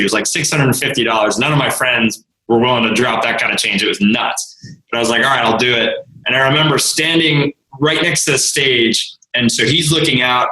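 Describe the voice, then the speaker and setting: A man in his thirties from Rhode Island, talking as a guest on a radio show. His voice is bright and forward, and he tells his stories in a relaxed, laughing way. The room around him rings with echo. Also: medium pitch. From Rhode Island, USA. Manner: easygoing storyteller, laughs often. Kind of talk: casual interview chat.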